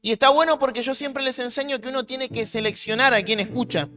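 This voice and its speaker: Rioplatense pastor guy preaching, high bright voice, faint music behind. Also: fairly quick. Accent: Rioplatense Spanish. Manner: emphatic, repetitive preaching. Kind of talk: sermon.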